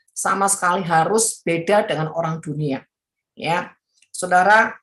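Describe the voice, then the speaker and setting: A woman evangelist preaching a sermon in a lively, animated way, often mocking the people she quotes with playful asides. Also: fairly low pitch. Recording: echoey room.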